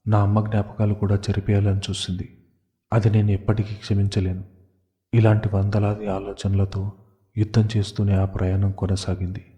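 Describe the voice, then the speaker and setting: A man narrating a family drama story in a steady, measured first-person reading. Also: on the low side. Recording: dull lo-fi audio.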